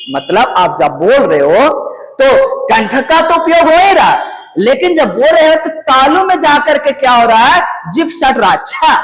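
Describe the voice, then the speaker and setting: A man's voice: extremely high pitch, fairly bright tone. A man teaching a grammar lesson to students, asking questions and answering them himself and sounding out letters one by one. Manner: asks questions and answers them himself, repeating key points. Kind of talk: classroom-style lesson to students. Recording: long reverberant room.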